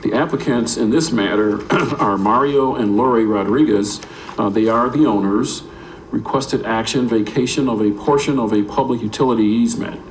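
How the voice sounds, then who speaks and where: A man's voice: fairly low pitch, normal speed. An American man, a planning staffer, reading a formal staff report aloud at a public meeting. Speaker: city planning staff member. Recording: echoey room with faint noise.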